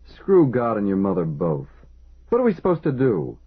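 A man voicing a furious, gruff male shift chief who curses in a rasping, raised voice. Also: medium pitch, very animated, unhurried. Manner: cursing, shouting angrily. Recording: tinny phone-like band.

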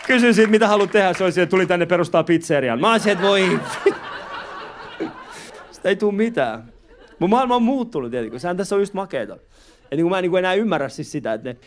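A man with a high voice performs a stand-up set on a club stage. He tells his story in a lively way, slips into other people's voices, and peppers his talk with swearing and filler words. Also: a little hiss or hum. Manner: animated storytelling, acts out taxi drivers. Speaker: stand-up comedian. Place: live comedy club stage. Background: audience laughter.

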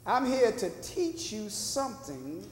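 A man's voice: high voice, big pitch swings, slow, slight background noise. An older man preaching a sermon from the pulpit in a small church, drawing answers from the congregation and rising to fervent emphasis. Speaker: pastor. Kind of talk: sermon with call and response. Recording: echoey church hall.

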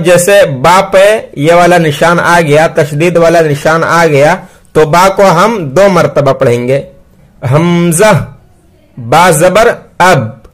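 A patient male teacher in a step-by-step recitation lesson, with a slightly raised voice. He speaks very slowly, stretching each syllable and repeating every rule several times. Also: fairly high pitch. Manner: draws out sounds slowly while spelling letters. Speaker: Quran reading teacher. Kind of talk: slow spelled-out recitation lesson.

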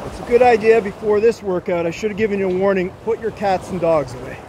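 This fairly high-voiced male coach cues an aerobics workout in clipped, brisk commands, counting and cheering people on as they exercise. The setting is an open sandy beach beside the water, with surf and wind making the outdoor recording noisy.

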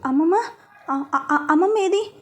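A feverish young woman calls out in a raised, strained voice, as a woman reader puts her on. She pleads desperately in a mellow, high tone, like a storybook heroine lost in delirium. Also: moderate pace, natural voice. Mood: frantic. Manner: pleading, crying out for her grandmother.

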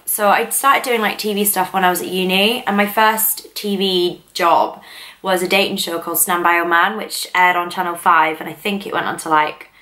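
Chatty young woman, bright lowish voice. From northern England. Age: 20s. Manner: chatty, meandering, full of "like" fillers. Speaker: vlogger. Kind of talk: casual rambling chat to camera.

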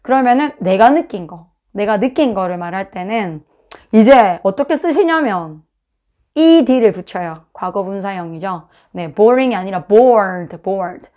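A woman's voice: medium pitch, animated, a little slow, mellow. A woman with a Busan accent explaining English grammar in a casual, chatty lesson, acting out examples with sound effects. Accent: Busan Korean. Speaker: English teacher.

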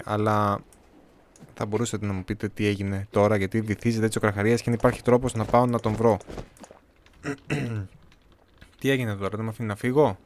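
A young man from Greece giving casual, chatty gameplay commentary, talking to viewers with a slightly hoarse voice. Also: fairly low pitch. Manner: chatty, talks to viewers, jokey self-talk. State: voice a bit hoarse, clearing throat.

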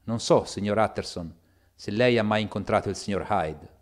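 A man's voice: lowish voice, normal speed, lightly acted. A man voicing an elderly, frightened and loyal male butler in a spoken audiobook, with an urgent, pleading delivery. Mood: earnest.

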